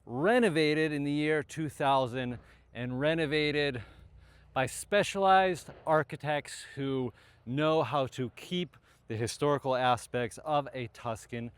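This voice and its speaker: Out in hilly countryside, a travel and real estate vlogger narrates casually with tour-guide enthusiasm and some fillers. His slightly high voice is smooth and unhurried, with no echo.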